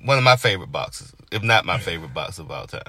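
A man's voice: sits low, sing-song, very fast, sharp tone, slightly rough, no echo. A man, co-hosting a casual podcast chat, rambling with lots of fillers. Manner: laid-back, rambling with many fillers. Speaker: podcast co-host.

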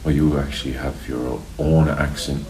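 Very deep-voiced Irish man interviewing. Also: level tone, normal speed, dark tone, roomy sound, soft background music. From Ireland. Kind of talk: conversational interview questions.

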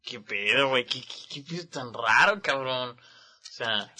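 A man, chatting casually and cracking jokes with quick reactions. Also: medium pitch, animated, bright, forceful tone. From Mexico. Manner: joking, reactive interjections. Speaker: podcast co-host. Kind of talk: casual chat.

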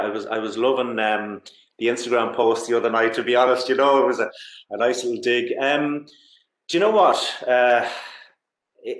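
Male sports interviewee, west of Ireland accent, conversational and enthusiastic, average pitch, roomy echo. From Galway, west of Ireland. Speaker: interview guest. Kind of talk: casual sports chat. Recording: roomy, echoey sound.

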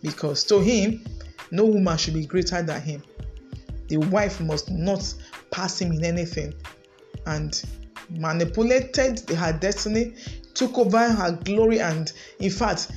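A woman's voice: on the low side, darkish tone. Nigerian lady preacher on a podcast, declaring and praying with big emphasis, music playing under her.

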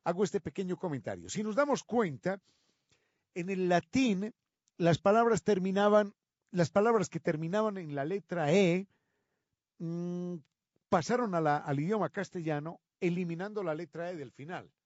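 Slow, emphatic man explaining words. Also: sits high, a little mellow, no room sound, highs cut off. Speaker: radio presenter of a language segment. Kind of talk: explanatory talk on word origins.

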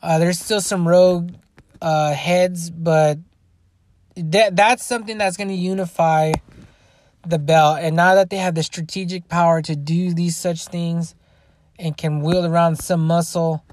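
A man's voice: on the high side, fairly even intonation, a little slow, a little mellow, dry recording. A man hosting a solo podcast, rambling casually with lots of swearing and restarts. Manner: rambling, profane, frequent restarts. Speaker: podcast host.

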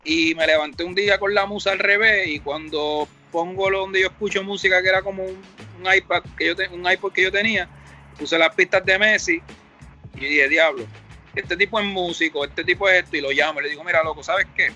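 Reflective Puerto Rican rapper, bright voice. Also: male voice, high-pitched, a little fast, soft background music. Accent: Puerto Rican Spanish. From Puerto Rico. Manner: rambling, reflective, acts out quoted dialogue. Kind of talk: casual interview storytelling.

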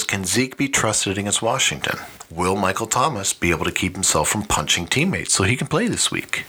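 A man's voice: fairly low pitch, bright, forceful tone, slightly rough. A man hosting a podcast, giving fantasy football matchup commentary in a wry, mock-dramatic announcing manner. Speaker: podcast host.

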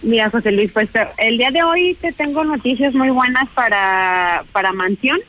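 A woman's voice: a little high, moderate pace, fairly bright tone, rough recording. A woman with a Mexican accent giving a conversational radio promotion, explaining an offer in a chatty way. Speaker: restaurant representative promoting an offer.

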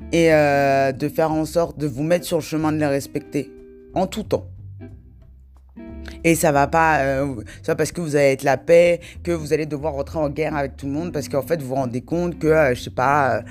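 A woman hosting a casual solo podcast, talking in a reflective, hesitant way and pausing often to think. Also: rumbling low, darkish tone. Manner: reflective, hesitant, many filler pauses. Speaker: podcast host.

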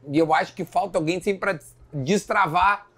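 Male host, slightly high pitch, easygoing and chummy. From southern Brazil. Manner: relaxed, chummy, quick agreeing interjections. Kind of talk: casual interview chat.

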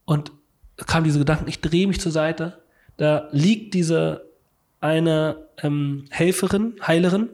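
A man telling a story in casual conversation, animated, vocalizing sounds and repeating words as he goes. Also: fairly high pitch, slow pace.

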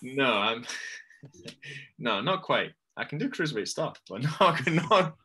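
A man's voice: medium pitch, big pitch swings, takes it slowly, sharp tone. A man in his twenties with a Fife Scottish accent, chatting informally and self-deprecatingly as a wrestler being interviewed. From Dunfermline, Fife, Scotland. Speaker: professional wrestler, interview guest. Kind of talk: casual interview chat.

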